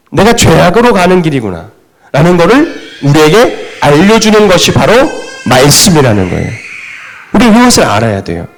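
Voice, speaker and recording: A middle-aged pastor with a somewhat high voice preaches in a church sanctuary, asking his congregation questions and answering them on his own.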